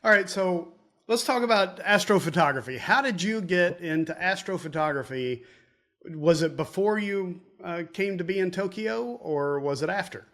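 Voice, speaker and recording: A man's voice: high voice, animated, normal speed, fairly bright tone. A man hosting a casual interview, chatty and poking fun at himself. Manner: chatty and self-deprecating. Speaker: host.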